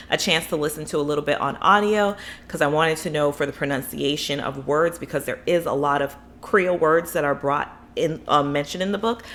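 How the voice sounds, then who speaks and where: With a deep yet somewhat bright voice, a young adult Florida woman chats about books in a loose, excited vlog. She talks as a book vlogger from the USA, filling her reviews with fillers and asides.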